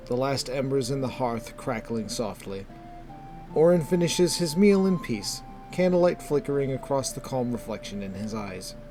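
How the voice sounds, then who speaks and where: A man with a medium-pitched voice narrates a scripted fantasy story, measured and descriptive in his storytelling.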